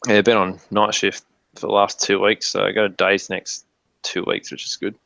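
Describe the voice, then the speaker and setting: A man's voice: on the low side, level tone, normal speed, gravelly, sharp tone. A man chatting casually in sweary, laid-back slang. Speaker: livestream co-host. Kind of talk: casual chat. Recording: muffled lo-fi mic, roomy echo.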